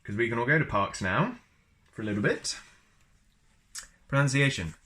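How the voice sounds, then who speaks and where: This storyteller's voice is medium-pitched and sing-song, with a sharp tone and a moderate pace. He reads the book aloud conversationally, frequently straying into personal side comments.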